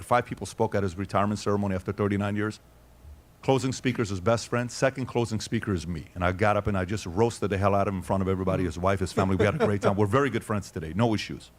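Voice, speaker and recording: A middle-aged man telling a story in casual chat, blunt and emphatic, arguing his points hard. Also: low voice. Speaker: guest storyteller.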